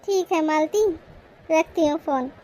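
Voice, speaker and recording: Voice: high-pitched, a little slow, very noisy. A voice actor playing a nosy, gossipy middle-aged female friend in a cartoon, chatting eagerly on the phone.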